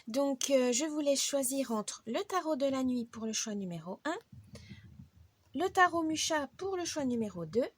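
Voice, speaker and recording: A woman hosts a casual tarot reading video. She talks in a chatty, friendly way, with a fairly high voice and frequent hesitations. The recording is close and dry, with no room sound. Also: slightly rough, no room sound. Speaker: tarot card reader.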